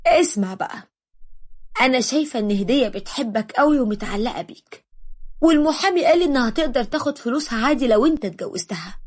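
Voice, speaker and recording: A woman voicing a scheming, domineering middle-aged mother with an Egyptian accent, scolding and bossy. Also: a little high.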